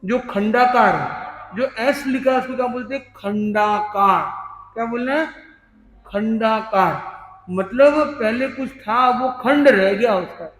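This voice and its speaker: A man teaching a hymn workshop, explaining the meaning and pronunciation word by word and chanting the verses slowly. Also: very high-pitched. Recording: echoey hall with long reverb.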